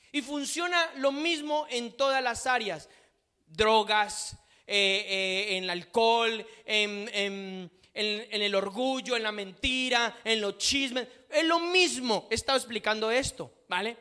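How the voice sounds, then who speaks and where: A man's voice: very high-pitched, sharp tone, smooth. A man preaching a sermon, reading scripture aloud and repeating phrases for emphasis.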